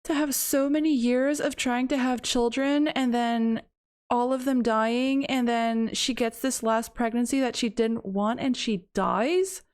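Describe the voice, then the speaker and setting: Young woman, fairly high voice, casual gameplay commentary, expressive, exclaims a lot, talks to the characters. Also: measured pace, clear, resonant tone. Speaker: gaming channel host.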